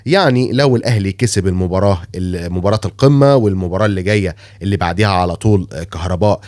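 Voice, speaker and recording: A football commentator with an Egyptian Arabic accent delivers a critical, casual monologue about football, full of filler sounds and restarts; he has a cold and sounds hoarse. His low, slightly mellow voice comes rapid-fire, recorded with studio quality and no echo.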